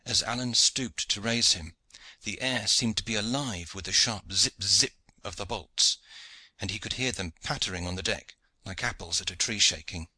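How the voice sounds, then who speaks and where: A man reads a classic adventure novel aloud in steady, clear narration. His voice sits low, with a very bright, sharp edge, and the sound is dry and close with no room echo. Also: normal speed. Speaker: audiobook narrator. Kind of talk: scripted narration.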